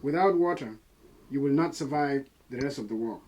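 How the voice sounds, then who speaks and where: A young adult man from South Sudan with a Dinka accent works as a dialect coach, coaching lines and recalling experiences. His medium-pitched, slightly mellow voice moves at a moderate pace. The recording has the highs cut off, with clear background noise and ambience.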